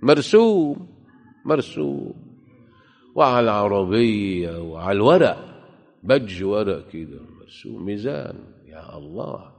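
Man, Egyptian Arabic accent, preacher, emphatic sermon, rhetorical questions, fairly low voice, long hall reverb. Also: sing-song, a little slow, gravelly, pauses often.

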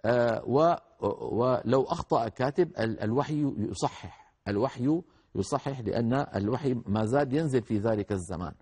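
A man teaching tajweed, explaining rules to students and chanting verses slowly to demonstrate correct pronunciation. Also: medium pitch, lively intonation, a little mellow, husky. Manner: addresses students directly, correcting common mistakes. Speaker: Quran recitation teacher. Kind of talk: tajweed lesson with recited examples.

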